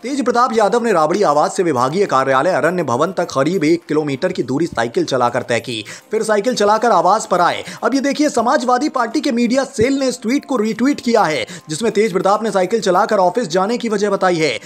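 A man's voice: high voice, animated, brisk, hardly any pauses. A man reading a scripted Hindi news report as a voice-over, in a dramatic storytelling manner.

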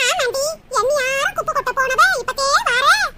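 A shrill, very high, bright-toned old mother-in-law, acted out by a voice performer in a cartoon. She nags and scolds with a sharp tongue in a Tirunelveli Tamil accent. Her complaints stretch out in mocking, drawn-out lines. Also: faint music behind, full character voice. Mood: pleased. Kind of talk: cartoon voice acting.

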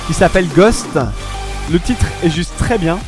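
A man's voice: sits high, unhurried, music in the background. A young man hosting a casual web radio show in French, rambling with many hesitations and restarts and promising to get back to topics later. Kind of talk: casual solo radio-style chat.

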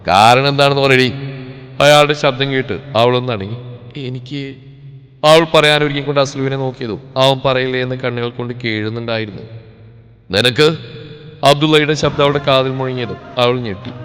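A man's voice: medium pitch, quick pace, few pauses, clean tone. Man reading a novel aloud, reverberant. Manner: calm, even, storytelling. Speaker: story narrator. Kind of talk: scripted novel narration. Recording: reverberant room with background music.

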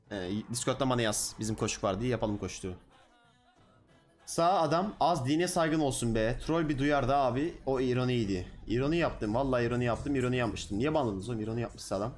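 Blunt slangy male streamer. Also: mid-range voice. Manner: blunt, slangy, addressing chat directly. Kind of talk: casual livestream chat.

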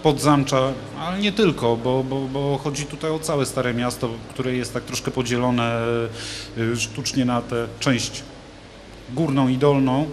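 A man in his thirties, appearing as a guest in a large TV studio with a glass roof, talks casually about a local event while holding a handmade handheld microphone. His voice is medium-pitched and his pace measured, with lots of fillers and restarts. There is slight background noise.

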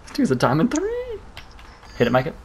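Frat-bro young man, wildly swinging pitch. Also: wildly swooping pitch, fairly quick. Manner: frat-bro slangy hype, exclaiming. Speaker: gamer in a team voice chat. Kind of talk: casual gaming chat. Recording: very noisy game voice chat with clicking.

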